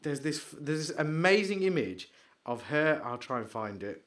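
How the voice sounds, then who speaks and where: Guy rambling on a podcast, excitable, mumbles off when distracted. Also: on the high side, moderate pace. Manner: rambling, excitable, trails off into mumbles while searching. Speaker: podcast co-host. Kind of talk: casual chat.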